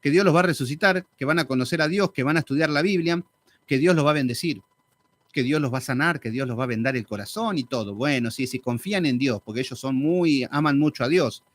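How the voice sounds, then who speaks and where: A man teaching a live Bible study in an animated, sarcastic, conversational way. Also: mid-range voice, fast talker.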